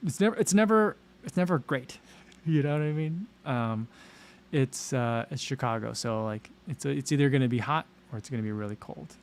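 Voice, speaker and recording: A man hosting a casual livestream, reading viewer comments aloud and rambling with fillers and frequent laughs. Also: a little high. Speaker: running channel host. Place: home livestream.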